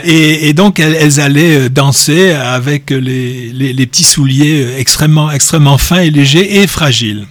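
Chatty man with a higher voice. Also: moderate pace, few pauses, no echo. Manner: digressive, joking, hesitant with many repeats. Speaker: speaker explaining word origins. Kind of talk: informal spoken talk.

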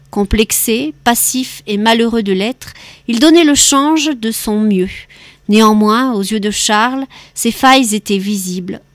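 A woman reads a novel aloud at a steady, measured pace, her pitch sitting in a middle range. The recording is close and dry, with no room echo. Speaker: audiobook reader.

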